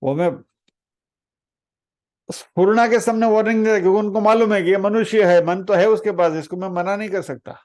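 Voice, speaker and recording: A man giving a spiritual discourse on scripture, telling a story with lively acted-out voices, asking the listeners rhetorical questions and mixing in English phrases. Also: high voice, normal speed. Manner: asks the audience rhetorical questions; mixes English phrases into the talk. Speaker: spiritual teacher.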